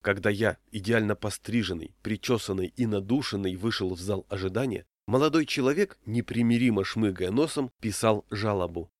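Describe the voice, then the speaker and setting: A man reading a humorous story aloud with wry, deadpan narration. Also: fairly low pitch, moderate pace, hardly any pauses, no room sound, clean studio sound. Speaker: reader.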